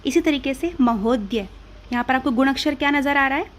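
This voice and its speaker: A woman's voice: high-pitched, fairly quick. An Indian woman teaching grammar, patiently asking and answering her own questions step by step. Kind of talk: classroom-style explanation.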